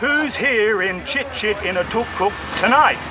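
A man's voice: high voice, expressive, measured pace. An older man hosting a casual travel vlog, chatting wryly with passengers and narrating in a reflective tone. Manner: chatty, wry interviewer. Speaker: vlogger host. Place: tuk-tuk and outdoor temple grounds. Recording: outdoor recording with clear street noise.

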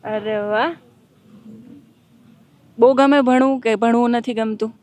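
Female field reporter, high-pitched, playful, interviewing kids outside. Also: fairly even intonation, unhurried, darkish tone. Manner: playful, teasing questions. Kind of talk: on-location interview with schoolchildren. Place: outside at a girls' school.

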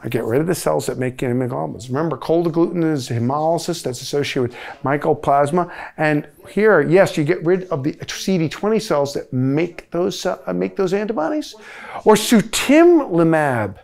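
A middle-aged man lecturing on medicine in a studio, his voice gravelly and pitched a bit high. He jokes around and plays out little back-and-forth dialogues with himself. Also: expressive, normal speed, darkish tone. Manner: jokey, acts out both sides of dialogues. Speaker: medical board review lecturer. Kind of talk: lively lecture with comic asides.

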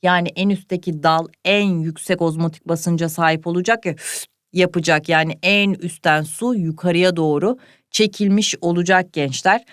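A woman's voice: fairly low pitch, steady tone, moderate pace, no echo, studio quality. A woman teacher giving an online exam-prep biology lesson, calling her students "young people" and speaking as the plant in the first person.

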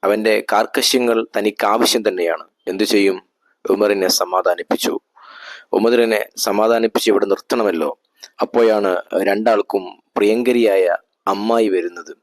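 A man tells a historical story in a measured, steady way. His voice is fairly low, and the recording is dry and close, with no room sound. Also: dry recording, poor audio. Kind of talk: scripted narration of a historical story.

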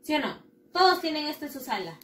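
A woman primary school teacher giving a recorded lesson, patient and slow as she drills repetition. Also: sits high, sing-song, a bit bright. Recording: echoey room, mic at a distance.

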